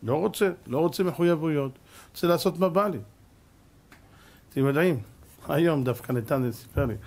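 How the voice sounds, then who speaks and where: A man, a rabbi, preaching a sermon with fervor and firing off rhetorical questions, swinging between hushed and loud delivery. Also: fairly high pitch. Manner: addresses the audience as "gentlemen".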